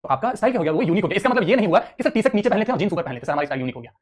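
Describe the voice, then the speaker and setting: A man's voice: high voice, expressive, rapid-fire. A man teaching an online class, talking conversationally and mixing Hindi with English, addressing students like a big brother.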